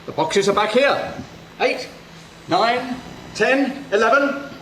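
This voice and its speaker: An actor playing an anxious young vampire hunter, urgent and agitated, in a radio drama. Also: male voice, very high voice, slow pace, a bit bright, slight background noise, full character voice, poor audio. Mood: alarmed. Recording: radio play with music underneath.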